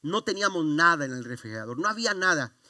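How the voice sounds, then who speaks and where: A man's voice: fairly high pitch, very animated, fast talker, pushed and bright, no echo, clean studio sound. A man, preaching a sermon in church and telling a personal story with many restarts and fervent exclamations. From Mexico. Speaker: pastor.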